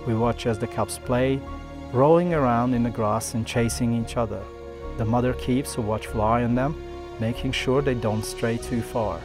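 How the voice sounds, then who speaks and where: A man's voice: mid-range voice, steady tone, normal speed, few pauses. Man narrating like a nature documentary over music. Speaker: travel vlog narrator.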